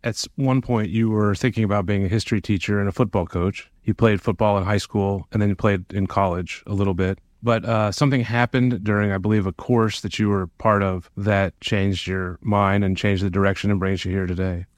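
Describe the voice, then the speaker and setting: A man with a fairly low voice hosts the interview, reading a measured, thoughtful introduction before asking questions. His delivery is formal and steady, recorded close and dry. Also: dry recording. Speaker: podcast host, lawyer.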